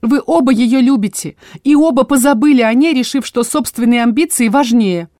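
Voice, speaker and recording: A woman reading an audiobook voices a stern old female dryad, a small tree spirit, scolding everyone in a high, loud, shrill voice. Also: normal speed, no echo, studio quality, close to an everyday voice.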